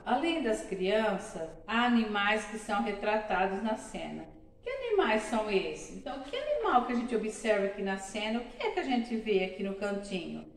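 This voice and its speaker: A woman's voice: medium pitch, reverberant, distant mic, slight background noise, rough recording. A woman from Brazil teaching a primary school class, explaining patiently and repeating examples syllable by syllable. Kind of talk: classroom lesson.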